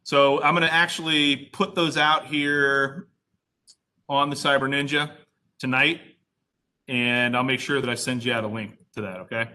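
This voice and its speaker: A man's voice: mid-range voice, steady tone, normal speed, bright, forceful tone. A man teaching an online class as instructor in a casual, conversational, explanatory way.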